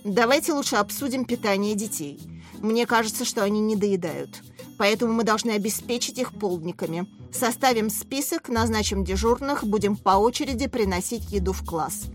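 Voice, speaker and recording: A woman's voice: medium pitch, normal speed, faint music behind, close to an everyday voice. A plump, cheerful father who talks about food with real eagerness, as a woman reads him. He sounds hearty and straightforward. It is a storybook reading. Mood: eager. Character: plump cheerful food-loving male parent. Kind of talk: audiobook character reading.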